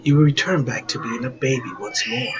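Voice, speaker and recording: Man as calm mystic guardian; low, hushed, lo-fi. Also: brisk, noisy background, close to an everyday voice. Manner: low, hushed, half-whispered. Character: mysterious elder male guardian, calm.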